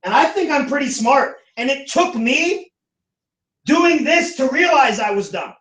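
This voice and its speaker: A man from the United States teaching a class, animated and acting out the voices he quotes. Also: extremely high pitch, unhurried. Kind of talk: classroom lecture. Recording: echoey classroom from far off.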